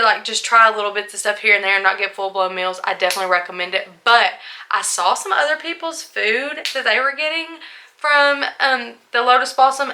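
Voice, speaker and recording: A woman's voice: mid-range voice, pushed and bright. A young woman chatting candidly in a casual vlog, a little tipsy, full of asides and likes. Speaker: vlogger.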